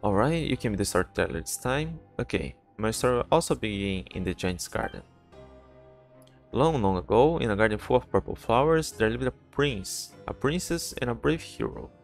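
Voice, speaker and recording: A man reading the lines of an earnest, gentle little girl telling a story, with hesitant restarts and faint game music behind. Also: mid-range voice, expressive, normal speed, vocal fry.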